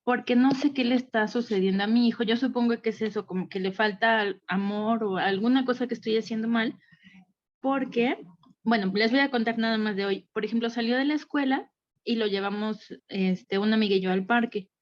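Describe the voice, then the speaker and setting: A woman's voice: on the high side, fairly quick, highs cut off. A woman in a group session telling a candid, rambling account of a hard day, overwhelmed and acting out what others said. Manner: candid, rambling, acts out quotes. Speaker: group participant.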